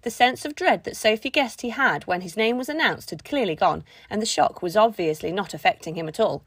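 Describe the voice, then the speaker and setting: A woman narrating a children's book in an expressive storytelling manner. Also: medium pitch, brisk, no room sound. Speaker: audiobook narrator. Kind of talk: scripted narration.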